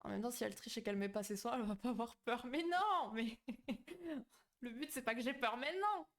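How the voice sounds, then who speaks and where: A woman's voice: a little high, a little fast. A woman hosting a psychology live stream, chatting casually with viewers between points, with many fillers and restarts. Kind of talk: casual live-stream talk, reading chat. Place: home streaming setup.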